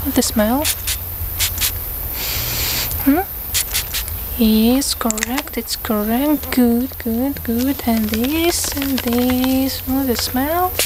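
A young woman doing an ASMR role-play as an ASMR examiner, speaking softly in short, repeated phrases. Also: high-pitched, very slow, long pauses. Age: young adult. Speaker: ASMR creator playing an examiner. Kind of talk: ASMR role-play, fast soft-spoken and soft-spoken ASMR. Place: outdoors in a grassy field with trees. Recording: outdoor ambient noise with birdsong.

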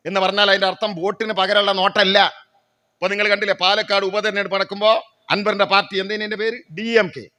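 A man's voice: high voice, pushed and bright. A middle-aged man from Kerala giving a public political speech into a stage microphone. He asks rhetorical questions, answers them himself, and breaks off into stories. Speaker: political speaker.

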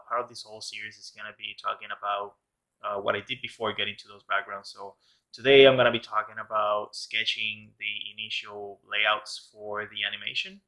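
Over poor audio, a man with a fairly low voice casually narrates his art process. He's a background artist hosting a tutorial channel, and he rambles with lots of fillers and restarts.

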